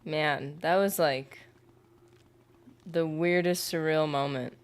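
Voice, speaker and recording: A woman's voice: sits low, steady tone, slow, smooth. A woman streaming a game, chatting casually and rambling as she reads viewer comments aloud. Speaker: gaming livestreamer. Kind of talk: casual livestream chat while gaming.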